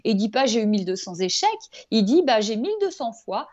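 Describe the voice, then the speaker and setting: A Belgian woman, author of a self-help book, chats as an interview guest, rambling about her ideas in an enthusiastic, emphatic, casually motivational way. Her voice is fairly high, sing-song, fairly quick and a little mellow, with the highs cut off.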